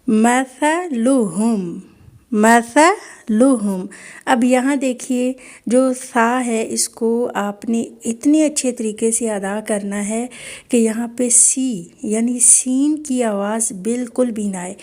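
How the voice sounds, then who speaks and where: A woman's voice: a little high, dark tone. Patient female Quran recitation teacher. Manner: patient, instructive, models sounds slowly and repeatedly. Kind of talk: online tajweed lesson.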